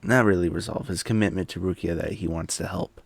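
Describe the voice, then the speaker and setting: Deep-voiced rambling male streamer. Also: fairly even intonation, brisk, vocal fry, no room sound. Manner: rambling, self-deprecating, with many fillers and restarts. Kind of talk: casual gameplay commentary. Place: home office.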